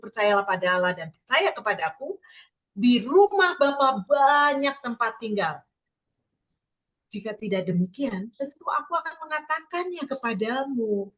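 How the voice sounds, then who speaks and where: A woman giving a sermon-style Bible teaching. She addresses her listeners directly, often asks them questions, and reads scripture slowly, stressing key words. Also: fairly high pitch, low-quality recording. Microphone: online meeting with listeners muted.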